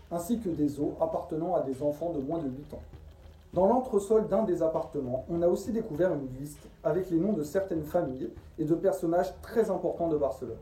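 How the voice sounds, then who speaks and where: A man's voice: on the high side, warm tone. A man narrating a scripted true-crime story as a storyteller and host. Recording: roomy echo, distant from the mic.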